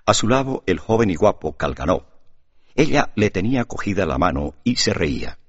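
A man narrating an audiobook in expressive scripted storytelling. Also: low voice, normal speed, husky, no echo. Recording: dull lo-fi audiobook recording.

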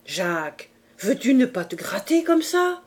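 A woman voicing a domineering, quick-tempered mother in a French audiobook, with indignant, shrill outbursts. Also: sing-song. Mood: scolding. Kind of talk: audiobook reading.

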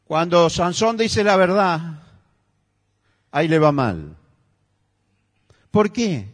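A male pastor with a Rioplatense Spanish accent delivers an emphatic sermon, his high voice climbing toward near-shouts. The sound carries a long reverb, as if recorded in a large, echoey church hall. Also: sing-song, slow pace.

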